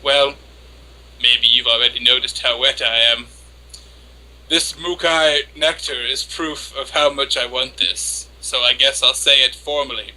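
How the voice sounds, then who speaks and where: Casting: male reader for lovestruck young anime woman, obsessive and flustered; hammy, theatrical dramatic reading, piercingly bright delivery. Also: medium pitch, steady tone, measured pace, poor audio. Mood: breathless longing. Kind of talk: dramatic reading of an internet post.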